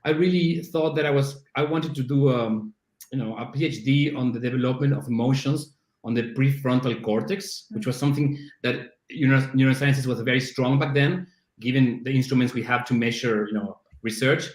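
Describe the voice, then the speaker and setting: The room echoes as a middle-aged Argentine CrossFit coach, Spanish his native language and his accent Argentine, talks casually as a podcast guest. His mid-range voice is darkish, fairly even in intonation, and at normal speed, and he pokes fun at himself and restarts frequently.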